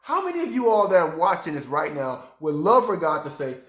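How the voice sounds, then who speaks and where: Animated preacher man with a lively, high voice. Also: fairly quick, roomy sound. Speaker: pastor. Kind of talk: sermon.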